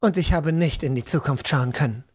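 A man reading an audiobook, voicing a gentle young mother who speaks in a soft, reassuring way. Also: a little high, fairly quick, slightly rough, voice pushed down. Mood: soothing.

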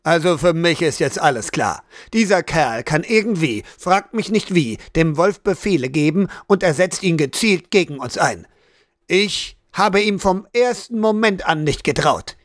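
A man's voice: fairly high pitch, expressive, a little slow, no room sound, clean studio sound. Man voicing a harsh, commanding male captain. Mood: determined. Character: brutal male guard captain, aggressive.

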